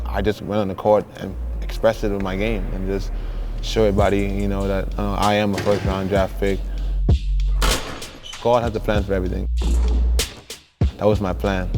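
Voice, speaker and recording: A young man from the Bahamas, speaking earnestly and reflectively in a documentary interview as a basketball draft prospect. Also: lowish voice. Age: young adult. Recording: music bed under the voice. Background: music.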